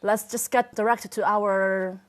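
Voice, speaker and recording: A woman hosting a conversational podcast, speaking in a friendly, unhurried way with a few fillers. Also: mid-range voice, fairly even intonation. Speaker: podcast host.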